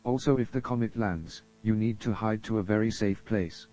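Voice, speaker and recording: The recording is dull, muffled and lo-fi, and the speaker is a man with a very dark, mellow, lowish voice. At normal speed, he delivers scripted emergency announcements in the formal, solemn style of a broadcast announcer speaking to the public.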